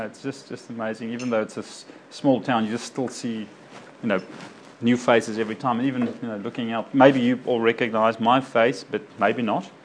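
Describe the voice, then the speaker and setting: A South African doctor gives an informal, personal talk to a local community group in a fairly low voice. He rambles, often correcting himself and leaning on fillers. The low-quality recording carries a little hiss or hum.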